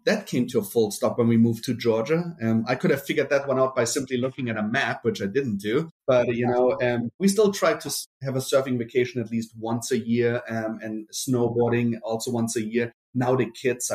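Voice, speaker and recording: Born in Brazil but raised in Germany, a middle-aged man with a German accent talks casually as a marketing executive guest in an interview. His voice sits at medium pitch with a darkish tone and fairly even intonation, moving at normal speed with few pauses. His talk meanders, full of fillers and restarts.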